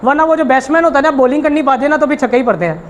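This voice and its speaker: Male shorthand teacher; high, rapid delivery; emphatic, repetitive, coaxing tone. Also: lively intonation. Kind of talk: informal tutorial talk.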